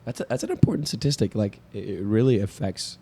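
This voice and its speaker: A young man co-hosting a coffee podcast, bantering with deadpan, goofy humor and talking through brewing gear. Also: fairly low pitch, fast talker, slightly rough. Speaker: podcast co-host. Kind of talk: casual chat.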